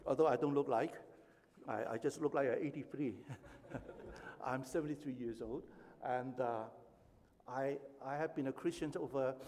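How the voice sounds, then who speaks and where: A man's voice: medium pitch, darkish tone, a little hiss or hum. A man in his seventies from Hong Kong, preaching a sermon as pastor, with emphatic rising stretches and chatty personal asides. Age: 70s. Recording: echoey hall with long reverb.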